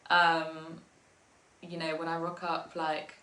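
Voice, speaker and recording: A woman's voice: deep voice, completely flat delivery, slow pace, pushed and bright, echoey room. A young English woman, a musician, chatting casually in an interview, laughing often and filling with ums and likes. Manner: giggly, with many ums and likes.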